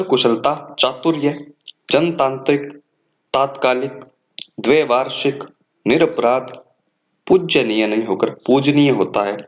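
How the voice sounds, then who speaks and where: Man teaching on a dull recording. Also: mid-range voice. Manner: lists words one by one, corrects wrong forms. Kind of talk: exam coaching lecture.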